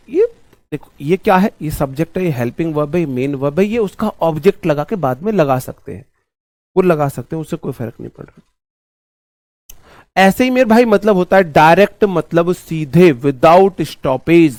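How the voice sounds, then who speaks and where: A man teaching English grammar in an online class, animated, swinging between loud mock shouting and quiet asides, repeating key words slowly. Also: on the high side, no echo.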